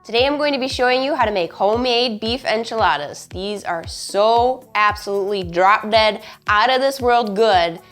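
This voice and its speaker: A woman's voice: on the high side, moderate pace, hardly any pauses, a bit bright, faint music behind. A woman hosting a casual home recipe demonstration, chatty and emphatic, her voice congested and honking as she gets over bronchitis. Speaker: cooking show host.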